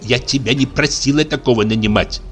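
A man's voice: brisk, a bit bright, soft background music, natural voice. A man voicing a coarse, reproachful elderly mother of the bride. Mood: scolding. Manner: shrill and reproachful.

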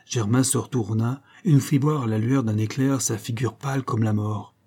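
A man reading a classic story aloud in a measured, even narrating manner. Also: mid-range voice, husky. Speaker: audiobook reader. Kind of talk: scripted literary narration.

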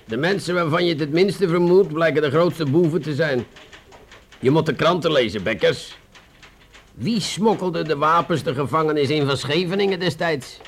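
Playing a weary, condescending police inspector in a radio play, this man speaks with a Netherlands Dutch accent in a deliberate, sardonic way, stammering as he hesitates. His pitch runs on the high side. He sounds sardonic and exasperated.

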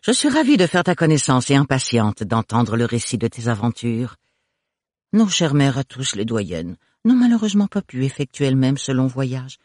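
Guy doing a sugary nosy middle-aged lady, jolly, pitched up, husky dry read. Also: darkish tone, no echo. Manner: honeyed, jovial. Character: middle-aged woman, honeyed nosy gossip.

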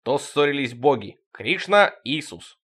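Animated man reading a surreal story. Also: mid-range voice, normal speed, breathy edge. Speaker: narrator.

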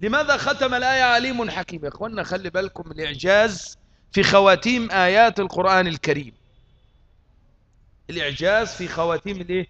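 High bright Egyptian preacher. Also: male voice, fast talker, highs cut off. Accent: Egyptian Arabic. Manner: rhetorical questions to the audience, mixing colloquial and classical speech. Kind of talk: sermon.

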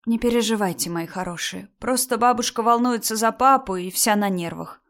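A woman's voice: fairly high pitch, normal speed, pitched above the performer's own voice, lightly acted. A woman reads a young mother in a storybook reading, her voice a little raised and firm. She speaks sternly and holds her ground. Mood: soothing.

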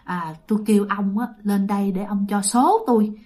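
A woman voicing a young man who coaxes a ghost in a soft, friendly voice. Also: mid-range voice, fairly even intonation, a little fast, voice pushed down, natural voice. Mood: coaxing. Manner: soft, coaxing.

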